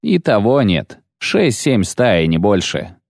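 A man reading aloud, voicing an old, superstitious male tracker who talks slowly and uneasily in a rustic way. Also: on the low side, very animated, creaky, dry recording, studio quality, exaggerated voice. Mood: tracking.

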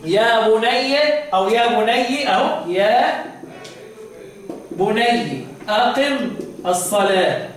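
Egyptian man, high-voiced recitation teacher, quizzing style, big echo. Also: expressive. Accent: Egyptian Arabic. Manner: drills by question, draws out recited words slowly. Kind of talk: classroom lesson with questions to students. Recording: echoey room, voice from far off mic.

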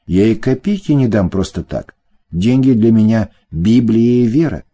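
A man's voice: lowish voice, expressive, moderate pace, warm tone, voice pushed up. A man doing a sneering, evasive young man. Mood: defensive. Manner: defensive, sneering. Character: evasive, mocking young man denying everything.

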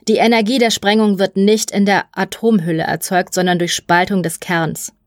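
A woman voicing a pedantic female colonel who mutters in a low, precise way. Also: fairly even intonation, moderate pace, no echo, clean studio sound, natural voice. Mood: dry. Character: pedantic female squadron colonel, dry and exact.

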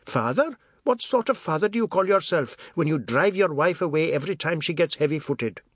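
A man voicing a furious, scolding old village grandmother in a storybook reading, shrill and sharp-tongued. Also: lively intonation, brisk, slightly rough, no echo, clean studio sound.

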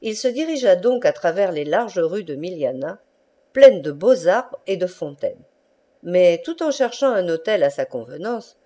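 A woman narrates a classic novel as an audiobook reader. Her storytelling is measured and expressive, with a warm, mellow tone. She is recorded close to the microphone. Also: medium pitch.

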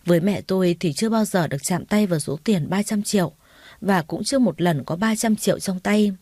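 Woman reading a first-person story, steady and earnest, mellow voice, dry close sound. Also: medium pitch, brisk, no echo. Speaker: narrator.

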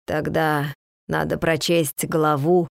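A woman voicing a frail bedridden man just waking from a long sleep, speaking weakly and slowly in a lowered voice. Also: dry recording, clean studio sound, close to an everyday voice. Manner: weak, slow, halting speech.

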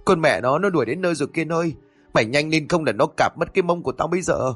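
A man voicing a panicky young man in a ghost story, shouting and pleading in quick, frantic outbursts. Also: fairly high pitch, breathy edge, no echo, soft background music, pitched above the performer's own voice. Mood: panicked. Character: panicky young man, foul-mouthed and whiny.

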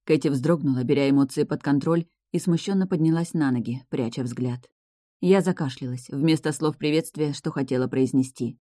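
Audiobook narrator, mellow even voice, dry close sound, first-person fantasy reading. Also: medium pitch, moderate pace, dry recording.

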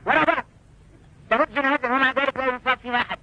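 A man's voice: very high voice, flat delivery, racing, bright, forceful tone, rough recording. A man preaching fervently to an audience, pressing them with rhetorical questions.

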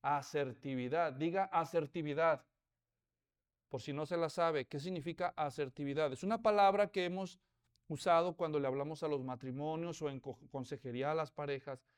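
A man's voice: on the high side, fairly even intonation, fairly quick, clear, resonant tone. A man preaching a sermon as pastor, telling stories with humor and rhetorical questions to the congregation.

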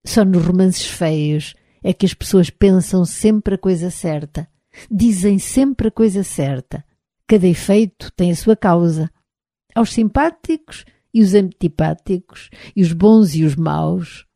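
A woman's voice: fairly low pitch, measured pace, dark tone, no echo, studio quality. A woman with a European Portuguese accent reading the lines of a troubled middle-aged friend in an audiobook, murmuring and sarcastic in turn. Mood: conciliatory. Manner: murmuring, sarcastic then pleading.

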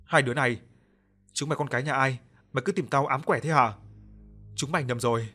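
Thiếu phụ bị ma ám, do nam giọng đọc, sợ hãi gắt gỏng, nhạc nền nhẹ. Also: male voice, medium pitch, fairly even intonation, a little fast, faint music behind, close to an everyday voice. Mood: shouting. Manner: shouting, frightened and angry. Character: terrified young woman haunted by ghosts. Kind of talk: audio ghost story reading.

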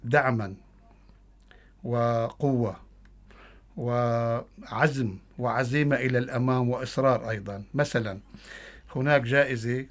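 A man's voice: mid-range voice, unhurried, pauses often. Man, Syrian Arabic accent, interview guest, mixed formal and colloquial register. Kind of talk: interview answers, mixing formal and colloquial speech.

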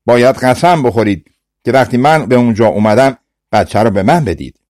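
A man voicing an old witch who shouts her demands over a storm, in a dry studio audiobook recording. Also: medium pitch, lively intonation, no echo, natural voice. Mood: demanding.

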